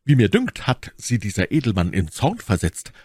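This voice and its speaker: A man's voice: lowish voice, wildly swooping pitch, normal speed, darkish tone, breathy edge, voice pushed up, exaggerated voice. A man reading an audiobook, voicing a bold, hot-headed young Gascon musketeer with brash, emphatic delivery. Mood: bold challenge.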